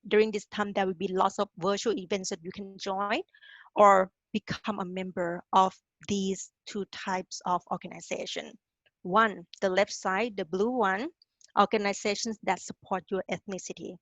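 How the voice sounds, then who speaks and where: The delivery is flat and at normal speed, from a mid-range woman's voice with a fairly bright tone; there's no room sound, but the audio is dull. In a career webinar for international students, this advisor from Thailand coaches in a direct, encouraging manner, regularly adding "okay?" to her lines.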